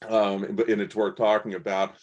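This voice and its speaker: A man's voice: fairly low pitch, level tone, normal speed, muffled recording. A man hosting a tech panel show, talking loosely with many fillers and restarts as he hands questions to guests. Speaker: show host. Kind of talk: panel discussion moderation.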